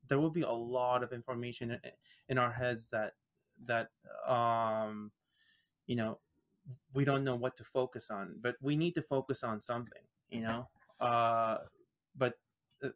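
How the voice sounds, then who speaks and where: A man from Iraq chats as a podcast guest in an ordinary mid-range voice. He talks haltingly and keeps restarting his sentences. He pauses often while he searches for words. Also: mid-range voice, a bit bright. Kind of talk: casual podcast chat.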